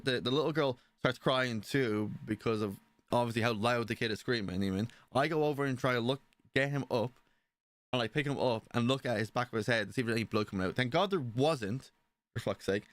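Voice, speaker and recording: A young man on a stream tells a personal story in a casual, rambling way, swearing often and asking "you know what I mean." His voice is medium in pitch, and the recording is dry.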